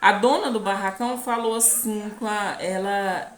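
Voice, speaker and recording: A woman with a Brazilian Portuguese accent telling her own life story in a halting, earnest way, often checking that the listener follows. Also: mid-range voice, fairly even intonation, roomy sound. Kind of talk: personal testimony to camera.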